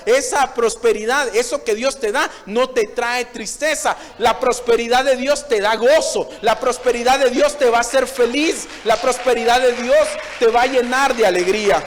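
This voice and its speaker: High-voiced male pastor preaching in a reverberant church. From Honduras. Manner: preaching, addresses listeners as brother, repeats phrases for emphasis. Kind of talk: sermon. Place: church hall.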